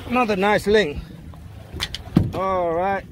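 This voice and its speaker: A middle-aged man with a high voice hosts a fishing video from a small open boat out at sea. He chats and exclaims constantly in simple, broken English, recorded on an action camera with a faint hiss in the background. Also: slow pace. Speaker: fishing channel host. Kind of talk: casual excited narration while fishing. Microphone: handheld or mounted action camera.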